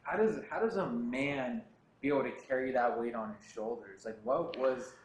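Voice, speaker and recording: A man's voice: mid-range voice, moderate pace, husky, rough recording. A man hosting a podcast, asking loose, casual questions full of fillers. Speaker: podcast host. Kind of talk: casual interview chat.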